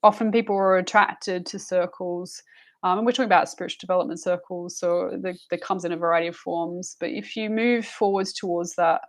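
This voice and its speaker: A woman's voice: fairly low pitch, fairly even intonation, fairly quick. A woman giving a live psychic reading, soothing and rambling, calling the listener love and honey. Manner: rambling with frequent restarts and fillers. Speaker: psychic reader.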